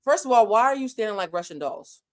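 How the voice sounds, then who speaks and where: Talking fast in a voice on the high side, this Boston-based channel host, a native French speaker, addresses her viewers head-on. She's lively and swears freely while telling an informal story.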